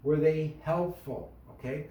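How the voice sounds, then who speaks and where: A man giving an instructional talk to a small business group, animated and full of questions, acting out tones of voice. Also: fairly high pitch, a little slow, far from the mic. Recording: echoey room, voice from off the mic.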